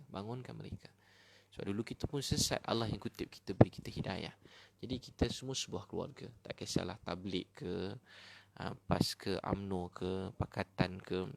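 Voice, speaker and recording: A Malaysian man giving a casual, animated sermon as a preacher, talking directly to his listeners. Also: fairly low pitch, vocal fry. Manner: animated, chatty, addresses listeners as brothers and sisters. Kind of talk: casual sermon to an online audience.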